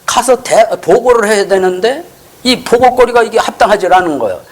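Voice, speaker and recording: A pastor with a high, expressive voice speaks fairly quickly while preaching a sermon in church. He keeps putting rhetorical questions to the congregation and acts out the scripture dialogue in shifting voices.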